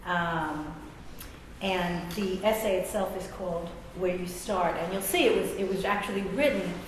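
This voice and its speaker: A middle-aged American woman, an author and English professor, gives a public reading of a personal essay with asides. Her voice is on the low side and unhurried, her manner wry, self-deprecating, and conversational. The hall is very reverberant, with faint noise.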